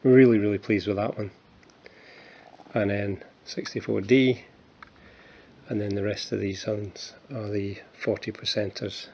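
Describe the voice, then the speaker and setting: Fairly low and steady, his voice is unhurried and a little mellow, though the recording cuts off the highs and carries a faint hiss or hum. He's a Scottish man in his fifties, casually presenting his coin collection in a vlog, poking fun at himself amid plenty of fillers and restarts.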